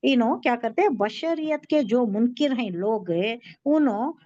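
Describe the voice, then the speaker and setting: A woman with a high voice teaches a Quran tafseer lesson, her clear as she explains words and asks herself questions. The recording is dry and a bit dull. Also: animated, a little slow, dark tone, dry recording. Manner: explains terms, asks and answers own questions.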